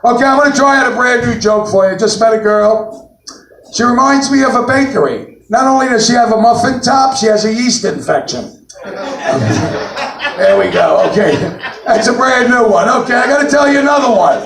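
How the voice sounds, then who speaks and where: A stand-up comic with a New York accent works a live brewery room, blunt and punchy, his high voice swinging up and down. A gravelly rasp runs under his lines. He sounds a bit off the mic, with the room ringing around him. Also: animated, moderate pace, music in the background. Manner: brash, blunt, punchy delivery with sudden loud punchlines. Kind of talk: stand-up comedy set. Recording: roomy live venue, mic at a distance.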